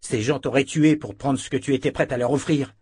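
A man's voice: mid-range voice, fairly even intonation, brisk, a little mellow, slightly rough, no echo, studio quality, pitched above the performer's own voice, natural voice. A man voicing a hot-tempered young swordsman who speaks bluntly. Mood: angry. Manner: blunt, angry.

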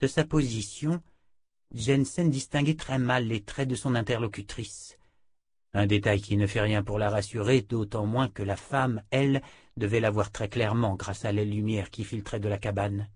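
Man narrating a novel, hushed. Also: on the low side, fairly even intonation, normal speed, dry recording. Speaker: audiobook narrator. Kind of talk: scripted narration.

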